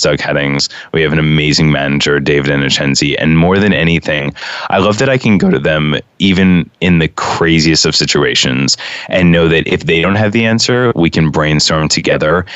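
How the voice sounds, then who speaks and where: Male radio guest, extremely deep voice, earnest and heartfelt, dry muffled sound. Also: fairly bright tone, smooth, no echo. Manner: earnest, heartfelt, halting restarts. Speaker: radio show guest, real estate agent. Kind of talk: casual talk radio interview.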